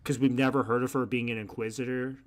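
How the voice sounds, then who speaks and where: A man's voice: mid-range voice, level tone, fast. A man hosting a podcast in a casual chat, rambling with plenty of fillers and frequent laughter. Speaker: podcast host.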